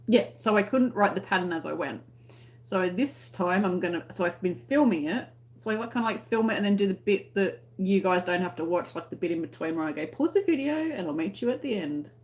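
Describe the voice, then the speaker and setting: A woman's voice: fairly low pitch, normal speed, a little mellow. A woman with an Australian accent chatting casually to live-stream viewers in a rambling, conversational way, often trailing off mid-thought. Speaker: crochet tutorial live-stream host.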